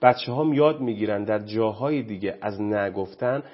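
A man's voice: on the low side, dull audio. A man speaking as a guest on parenting, preachy and impassioned, often quoting scripture. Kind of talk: animated studio talk.

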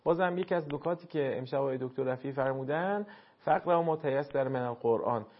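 Courteous male recitation teacher, lo-fi. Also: on the high side. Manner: formal, courteous and instructive. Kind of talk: on-air recitation feedback.

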